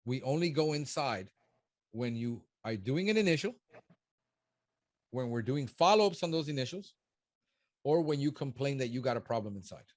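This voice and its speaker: A man's voice: medium pitch, lively intonation, normal speed, long pauses, no echo. A man in his fifties, a business consultant, giving blunt and emphatic one-on-one coaching. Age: 50s. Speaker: pest control business consultant.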